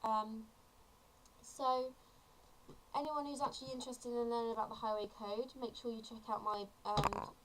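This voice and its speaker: Teen girl, 17, casual vlogger, earnest and chatty, slightly high voice. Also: little pitch movement, moderate pace, noisy background. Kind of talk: casual tutorial vlog.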